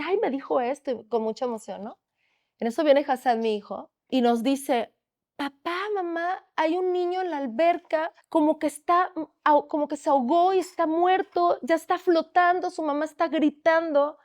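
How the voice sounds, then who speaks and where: A woman hosting a faith podcast, telling a personal testimony in an earnest, animated way with vivid quoted dialogue. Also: high voice. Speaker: podcast host sharing a testimony.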